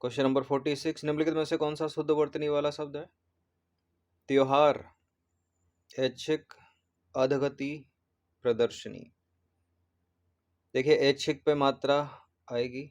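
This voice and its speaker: Flat-voiced Indian man teaching exam answers. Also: a little high, moderate pace, pauses often. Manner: repeats words, corrects spellings patiently. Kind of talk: explaining test answers.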